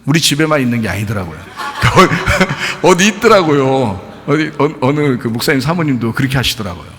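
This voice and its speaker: A middle-aged male pastor preaching a sermon in a folksy, animated way, acting out quotes with laughter. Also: mid-range voice, normal speed, slight background noise. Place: large church hall. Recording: reverberant church hall.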